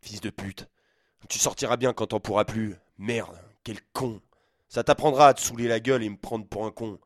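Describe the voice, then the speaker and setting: A man voicing a furious middle-aged father who yells harsh commands. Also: sits low, little pitch movement, quick pace, dry recording, natural voice.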